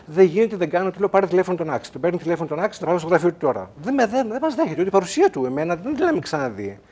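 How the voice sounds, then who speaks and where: A man's voice: high voice, big pitch swings, a little mellow, breathy edge. A man who is a guest on a TV talk show, telling his story with emphasis and acting out the other people's lines in quoted voices. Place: TV studio.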